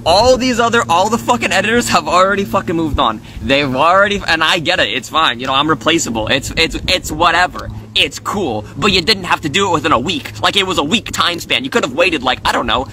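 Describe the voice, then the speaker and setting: A man's voice: a little high, animated, a little fast, hardly any pauses, pushed and bright, slight background noise. A man streaming live from his phone, rambling casually with lots of fillers and restarts and swearing freely as he vents. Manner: swears freely, aggrieved venting.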